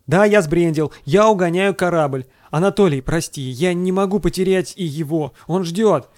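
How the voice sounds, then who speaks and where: A man's voice: high voice, normal speed, a little mellow, no room sound, voice pushed up, lightly acted. A man doing a desperate young pilot. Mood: pleading. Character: young male starship pilot, impulsive and desperate.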